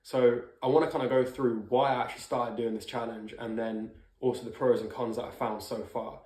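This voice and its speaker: A man's voice: medium pitch, little pitch movement, brisk, a little mellow. A man talking casually and informally to camera as a vlogger, sometimes swearing, giving a personal check-in. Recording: roomy indoor echo.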